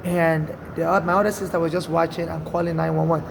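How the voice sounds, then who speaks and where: Over a noisy background, a Nigerian man from Nigeria with a Nigerian accent delivers a casual first-person monologue about something he lived through. His voice is a little high and creaky, fast and flat. He rambles earnestly, frequently starting over and saying "you know."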